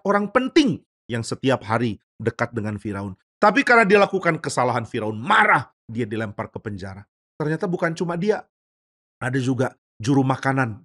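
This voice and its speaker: A male pastor narrating a children's Bible story expressively, with emphasis and acted-out characters. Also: medium pitch.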